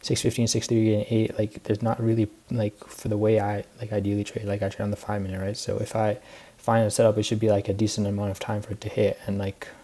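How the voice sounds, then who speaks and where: A man's voice: fairly low pitch, completely flat delivery, fast, dark tone. A teenage boy rambling through a casual weekly recap, tired and short of breath, with lots of fillers. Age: teens. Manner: rambling, filler-heavy, laid-back. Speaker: student trader recapping his week.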